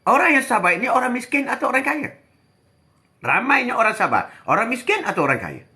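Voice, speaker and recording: An older man, giving an animated live religious talk. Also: very high-pitched, fairly quick. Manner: animated, repetitive preaching with quoted voices. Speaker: preacher.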